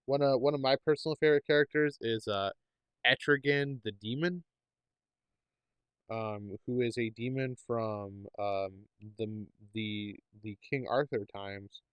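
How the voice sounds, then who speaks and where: Man, podcast co-host, casual rambling chat, many fillers, smooth clear voice, dry close sound. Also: mid-range voice, steady tone, a little slow, dry recording, dull audio.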